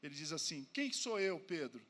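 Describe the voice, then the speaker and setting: High-voiced Brazilian pastor telling funny stories. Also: male voice, moderate pace. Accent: Brazilian Portuguese. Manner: animated, acts out dialogue, self-mocking humor. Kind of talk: humorous sermon storytelling. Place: church service before a congregation.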